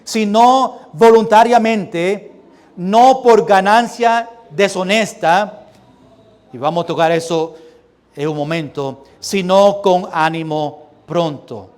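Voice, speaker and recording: A young man with a Puerto Rican Spanish accent preaching a sermon as pastor, reading scripture slowly and loudly and dropping to quieter asides. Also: sits high. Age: young adult. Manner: reads scripture slowly and loudly, then drops to soft asides.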